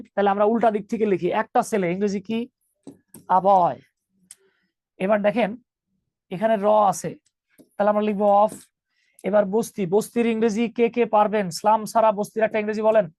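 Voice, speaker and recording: A man's voice: sits high, steady tone, normal speed, pauses often, darkish tone, dry recording. A man teaching an online English grammar class, joking with students and calling them 'baba'.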